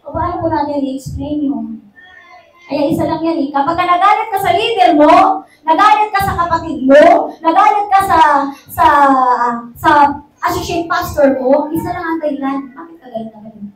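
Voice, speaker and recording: A high-pitched woman preaching an emphatic sermon, firing rhetorical questions and calls of "Amen?" at her congregation. She mixes Tagalog with English. Her voice comes from far off in an echoey church hall, with a faint hum of noise behind it. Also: normal speed. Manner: switches between Tagalog and English.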